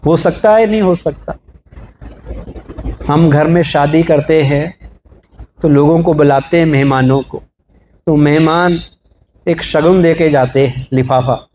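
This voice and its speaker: A man's voice: a little high, unhurried, pauses often, a little mellow, slight background noise. A man giving a spiritual, motivational talk to a live audience, asking them rhetorical questions and explaining with everyday examples. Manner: asks the audience rhetorical questions, calls for raised hands. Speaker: spiritual speaker.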